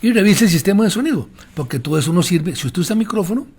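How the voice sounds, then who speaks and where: A man's voice: high voice, animated, quick pace, darkish tone, breathy edge. A man teaching fellow pastors how to use the voice in preaching, giving direct advice in a didactic manner with frequent fillers. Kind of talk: instructional lecture to pastors. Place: speaking while drinking water during a talk.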